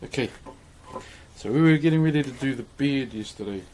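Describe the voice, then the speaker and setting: A man's voice: mid-range voice, fairly quick, a little mellow, slight background noise. A man with a broad New Zealand accent chatting casually on a livestream in a laid-back, matey, slangy way. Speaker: livestream host.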